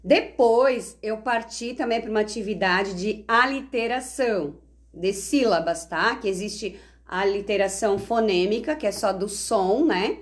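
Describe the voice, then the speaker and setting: A woman's voice: mid-range voice, measured pace. A woman teacher explains classroom literacy activities in a live online talk, checking in often with tag questions.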